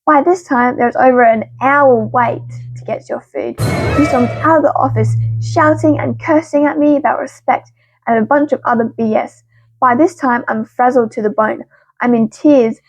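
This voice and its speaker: A woman reading stories aloud as the channel's narrator, expressive and punchy with quick asides. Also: fairly high pitch, faint music behind, rough recording. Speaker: story reader.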